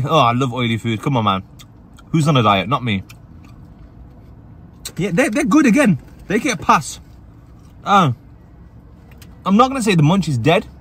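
In a casual vlog, an upbeat channel host from England eats in his parked car and chats about the food he's reviewing. He has a mid-range voice, and a little hiss or hum can be heard.

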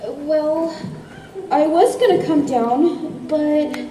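A woman's voice: high-pitched, slow, mellow, distant mic. A woman playing a nervous, apologetic cartoon pony in a live amateur stage skit, hesitant and sheepish. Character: nervous, apologetic female cartoon pony afraid of going underwater. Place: on stage in a convention ballroom. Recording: echoey ballroom stage from afar, faint noise.

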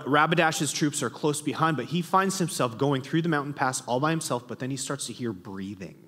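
A man's voice: mid-range voice, a bit bright. A man teaching a classroom literature lesson, reading passages aloud and posing questions to the class, with frequent ums, in a classroom with a long reverb.

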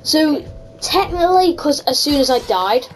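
A woman's voice: sits high, expressive, normal speed. A woman giving chatty, casual gameplay commentary as host, reacting aloud to the game. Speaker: gaming video host. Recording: music behind the voice. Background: background music.

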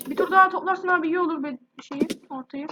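Her very high-pitched voice comes fast over a very noisy recording. She's a gaming YouTuber with a sore, irritated throat, chatty and speaking straight to viewers in casual gameplay commentary.

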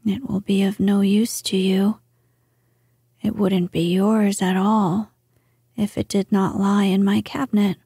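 A woman voicing a gentle, wise and very old grandmother in a slow, hushed whisper, reading a storybook. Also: medium pitch, flat delivery, vocal fry, husky, dry recording, clean studio sound, full character voice. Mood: gentle assurance. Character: ancient wise grandmother lady, gentle and calm.

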